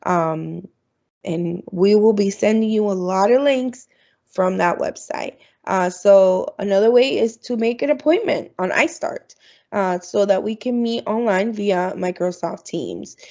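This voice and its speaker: Dull, lo-fi video call audio carries a medium-pitched, creaky, darkish voice at a measured pace. It belongs to a woman from Florida, United States, an international student advisor who presents an online orientation chattily, with lots of ums.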